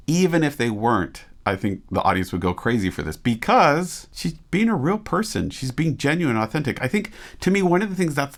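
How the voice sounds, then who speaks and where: Male vocal coach, mid-pitched voice, eager and explanatory, talks through technique in a casual reaction-video style. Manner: enthusiastic, explanatory, asks rhetorical questions. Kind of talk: casual teaching commentary.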